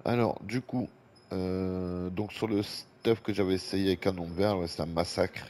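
This French-accented gaming YouTuber has a low, darkish voice with a steady tone and moderate pace. Congested from a head cold, he chats through a video game, reads viewer comments and breathes heavily at times. His desk microphone catches faint noise from a fan running nearby.

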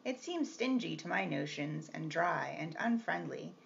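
Woman reading as a gruff, teasing gentleman. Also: fairly high pitch, expressive, unhurried, full character voice. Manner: gruff, mocking, commanding. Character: brusque, teasing wealthy gentleman employer. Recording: slightly muffled with faint hiss.

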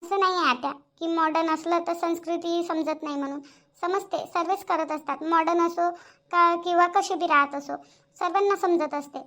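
A woman's voice: extremely high pitch, steady tone, normal speed, bright, forceful tone. A woman voicing a young daughter-in-law in a cartoon, polite and earnest, pleading and explaining herself. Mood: defending. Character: young daughter-in-law, polite but standing her ground. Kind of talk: cartoon voice acting.

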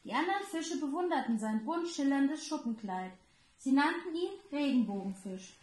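A daycare educator, a woman, reading a children's story aloud slowly and clearly. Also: high voice, lively intonation, a little mellow. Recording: roomy echo.

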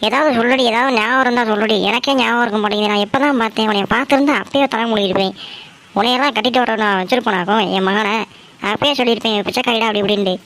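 A bossy cartoon mother-in-law, as a woman acts her out, nags and sneers in a harsh, scornful way. The voice sits lower than the other family members but is still fairly high, and the delivery never lets up. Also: steady tone, racing, fairly bright tone, rough recording. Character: scolding middle-aged mother-in-law, bossy and insulting. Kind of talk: homemade cartoon voice acting.

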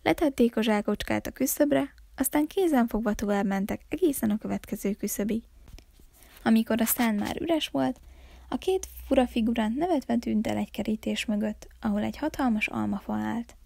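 A woman from a town library reading a children's Christmas story aloud in a calm, expressive way. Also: a little high, gravelly, no room sound, studio quality.

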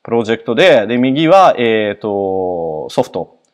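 A man from Russia presenting a technical software talk at a conference, speaking politely and haltingly with frequent filler words between phrases. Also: lowish voice, very animated. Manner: polite explanatory tone.

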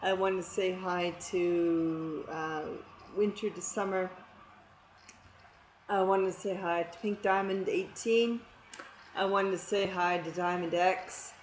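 A woman in her thirties, hyper and giggly, gushing through a casual shoutout vlog. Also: lowish voice, steady tone, takes it slowly. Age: 30s. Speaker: YouTube vlogger. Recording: roomy echo with faint noise.

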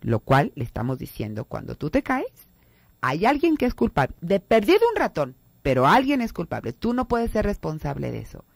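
A woman's voice: on the low side, huge pitch swings, moderate pace, creaky, no room sound. A woman with a Mexican Spanish accent hosting a radio talk on family psychology, acting out quoted people in raised voices. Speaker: radio host and therapist.

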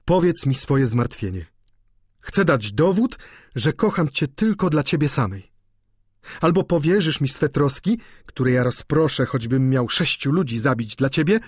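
A man's voice: on the high side, big pitch swings, unhurried, breathy edge, no room sound, clean studio sound, heavily acted. A man voicing an ardent young student in love. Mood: impassioned. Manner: impassioned, insistent.

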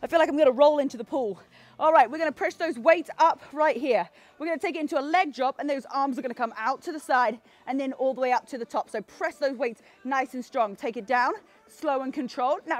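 A woman's voice: sits high, expressive, a little fast. A woman fitness coach talking casually and encouragingly to her class outdoors, addressing listeners directly. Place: outdoors on a backyard pool deck. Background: music.

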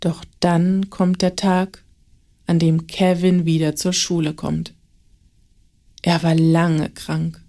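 A woman reads a children's short story aloud at a calm, measured pace. Her voice sits fairly low for a woman. Her delivery is even and careful, like a bedtime read-aloud. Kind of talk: scripted children's story narration.

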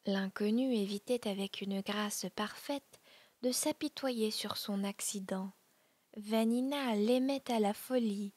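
A woman narrating a classic novel in a soft, breathy ASMR audiobook reading. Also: mid-range voice, takes it slowly, no echo. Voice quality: breathy, whispery.

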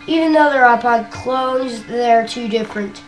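Young woman from Canada, casual vlogger, high voice, unhurried, filler-heavy, echoey room. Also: soft background music. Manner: hesitant, many ums and wells. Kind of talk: casual screen-tour vlog. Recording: roomy echo with faint hum.

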